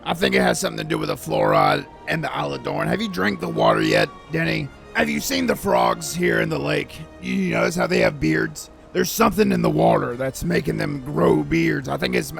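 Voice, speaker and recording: A man playing an eccentric, rambling historian with a gravelly voice in a nature documentary parody. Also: a little high, wildly swooping pitch, fairly quick, hardly any pauses, a bit bright, exaggerated voice. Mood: insistent, conspiratorial. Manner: rambling, insistent, repetitive. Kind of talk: comic expert commentary in a nature documentary parody. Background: music.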